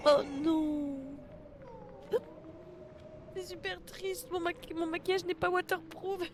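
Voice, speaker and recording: High-voiced tearful French woman streamer. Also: flat delivery, normal speed, noisy background. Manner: emotional, exclaiming, repeating herself. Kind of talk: live game stream reaction.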